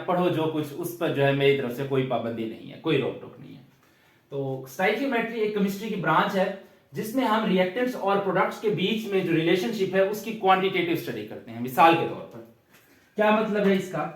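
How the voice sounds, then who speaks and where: A man's voice: high voice, far from the mic. A young man with a Pakistani Urdu accent giving a chemistry lecture, explaining step by step and often checking in with his students. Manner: explains step by step, often adds "theek hai". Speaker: chemistry teacher. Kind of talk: classroom lecture. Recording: echoey room, voice from afar.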